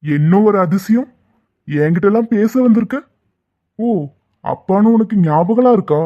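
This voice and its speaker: A man's voice: high voice, animated, moderate pace. A man voicing a proud, stubborn, wealthy middle-aged father who talks in a scornful, dismissive way. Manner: scornful, dismissive, turning to sharp alarm. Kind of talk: Tamil cartoon voice acting. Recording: tinny phone-like lo-fi audio.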